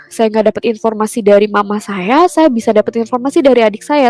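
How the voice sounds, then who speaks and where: Soft-spoken young woman with faint music. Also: fairly high pitch, no echo. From Jakarta, Indonesia. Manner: hesitant, many fillers, acts out quoted dialogue. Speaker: testimony guest. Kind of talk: personal testimony, casual storytelling.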